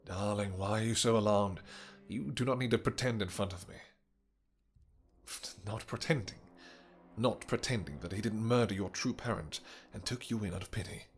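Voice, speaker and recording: King Lothaire, low-voiced doting vampire king, acted by a man. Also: lightly acted. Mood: menacing, wounded. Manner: courtly archaic phrasing, hesitant pauses, tender endearments. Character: doting, possessive, vengeful male vampire king with horns and wings. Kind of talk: romantic fantasy audio roleplay.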